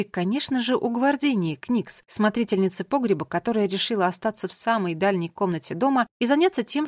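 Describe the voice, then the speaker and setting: An audiobook narrator, a woman with a mid-pitched voice, reads a scripted storybook aloud in a measured, expressive manner. The recording is dry and close-miked, with no room sound at all.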